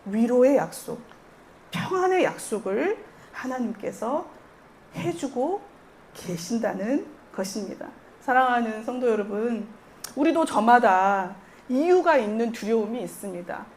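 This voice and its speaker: Earnest woman preacher, slightly high voice. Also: animated, unhurried, darkish tone, slight background noise. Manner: earnest, storytelling with quoted voices and light laughter. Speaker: pastor. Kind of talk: sermon.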